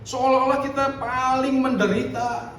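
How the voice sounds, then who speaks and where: A man preaching a sermon in a lively, conversational way with frequent asides to the congregation. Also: extremely high pitch, moderate pace. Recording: echoey room, distant mic, faint noise.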